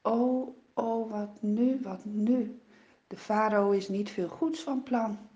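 A woman narrating a children's Bible story in a dramatic, expressive way, with sighs and exclamations, in a dull, lo-fi recording. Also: medium pitch, slow.

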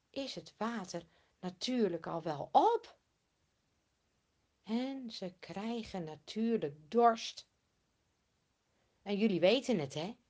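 A woman's voice: on the high side, darkish tone. A woman telling a Bible story to children, asking her young listeners questions as she goes.

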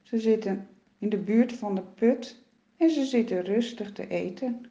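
A woman telling a children's Bible story in a slow, expressive way, with dramatic rises and falls. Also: mid-range voice. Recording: roomy, dull lo-fi sound.

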